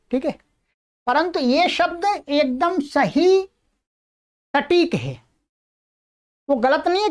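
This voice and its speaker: A woman teaching Sanskrit in a recorded lesson, going over an answer sheet with a patient, explaining manner. She reads translations and examples slowly, word by word, and keeps checking in with the listener. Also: sits high, a little mellow.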